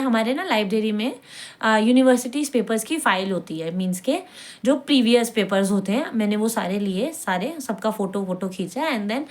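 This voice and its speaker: A young woman from India, a medical student, giving casual advice in a chatty vlog and mixing English phrases into her talk. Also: a little high. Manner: chatty, mixes English into Hindi, keeps asking "ठीक है?".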